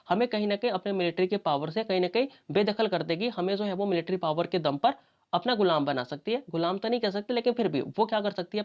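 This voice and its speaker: Low-voiced woman teaching, lo-fi audio. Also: a little mellow. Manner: conversational, repeats fillers, asks and answers own questions. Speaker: exam coaching teacher. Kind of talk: explanatory lecture. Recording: dull lo-fi audio.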